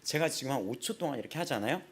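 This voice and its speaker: A young man in his twenties preaching a casual sermon in a small church, telling personal stories with lively acted-out quotes and frequent laughter. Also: mid-range voice, racing, a little hiss or hum. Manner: animated storytelling, acts out quotes, laughs often. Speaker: pastor.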